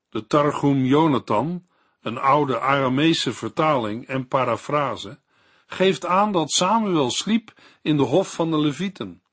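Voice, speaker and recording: A man reading a scripted Bible commentary in a measured, didactic way. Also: medium pitch, breathy edge. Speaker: Bible teacher.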